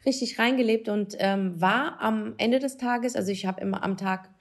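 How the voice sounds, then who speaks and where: A woman hosting a casual interview, excitable and gushing, who drops English words into her talk. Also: medium pitch, moderate pace. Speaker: podcast host.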